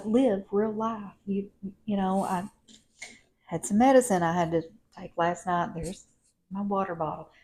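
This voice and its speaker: A woman's voice: medium pitch, a little mellow, breathy edge. A woman, chatting in a rambling, folksy home vlog. She talks straight to her viewers as y'all. She is recorded indoors at home on a clip-on mic. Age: 50s. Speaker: lifestyle vlogger. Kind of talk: casual home vlog chat. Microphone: wired clip-on mic.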